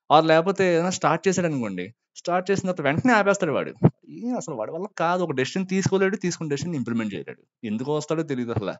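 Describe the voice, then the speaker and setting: A man coaches his viewers in a motivational talk at a breakneck pace, earnest and coaxing. He mixes English words into his speech. The recording is a little dull and lo-fi. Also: medium pitch. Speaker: motivational speaker. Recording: slightly dull lo-fi audio.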